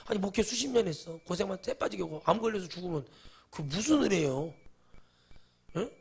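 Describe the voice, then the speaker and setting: Middle aged pastor guy preaching, gravelly husky voice, goes soft then loud. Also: high voice, animated, fairly quick. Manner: swings between quiet musing and loud exhortation. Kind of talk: sermon.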